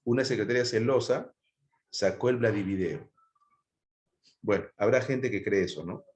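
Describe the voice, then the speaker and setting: A man's voice: fairly low pitch, moderate pace, a little mellow. A man teaching a live history class, talking conversationally and asking students rhetorical questions. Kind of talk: live online class lecture. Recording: echoey room.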